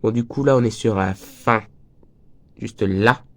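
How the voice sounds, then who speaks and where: A man's voice: on the low side, unhurried. A teenage boy with a slight cold and a breaking voice, chatting casually while teaching crochet and wandering off into jokes. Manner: chatty, jokey, wanders off topic. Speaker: crochet tutorial host. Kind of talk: casual tutorial talk.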